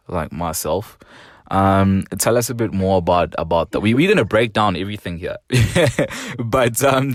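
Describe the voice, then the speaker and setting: Young south african guy hosting a podcast, really deep voice, dry close sound. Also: dry recording. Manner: loose and friendly, frequent fillers. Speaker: podcast host. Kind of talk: casual chat.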